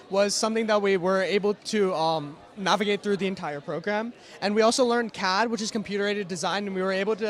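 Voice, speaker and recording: A man giving a team presentation as a student, explaining quickly and linking his points with "and so". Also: sits high. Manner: quick, explanatory, with frequent "and so" links.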